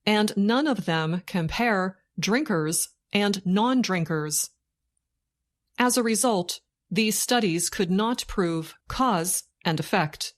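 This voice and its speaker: A woman narrates a scripted news report for learners slowly and deliberately, in short phrases with pauses, like a dictation. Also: mid-range voice. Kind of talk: slow scripted learning-English news reading.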